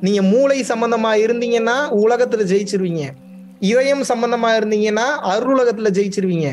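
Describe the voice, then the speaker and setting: High-voiced man giving a spiritual talk. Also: a little fast, a little mellow, faint music behind. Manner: asks rhetorical questions, repeats words for stress. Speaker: spiritual teacher. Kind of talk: spiritual discourse to a class.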